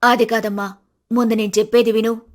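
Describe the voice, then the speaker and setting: A woman voicing a strict, proud middle-aged mother-in-law in an animated storybook, scolding in a stern voice. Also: a little high, brisk, natural voice.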